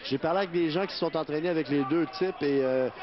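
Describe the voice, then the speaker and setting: Higher-voiced male fight analyst. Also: fast talker, a crowd in the background. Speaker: colour commentator and fight analyst. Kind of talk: live analytical fight commentary. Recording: dull broadcast sound, music behind.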